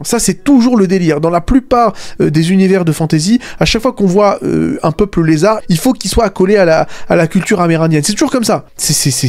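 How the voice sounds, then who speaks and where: A man's voice: high-pitched, a little mellow. A man giving a casual spoken video essay as an anime critic, sarcastic, often dropping "voilà" and "hein" between points. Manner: sarcastic, fillers like "voilà" and "hein", mocking asides.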